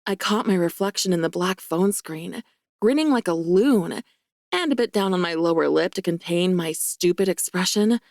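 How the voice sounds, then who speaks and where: A woman giving first-person romance audiobook narration in a wry, lively, self-mocking way. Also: on the low side, moderate pace, no room sound, studio quality.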